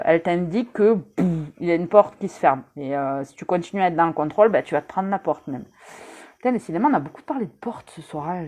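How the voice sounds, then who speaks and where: A woman with a fairly low voice gives a casual rune reading on a live stream. She is chatty and teasing and speaks straight to her viewers. She pauses often on hesitant fillers. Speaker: rune reader.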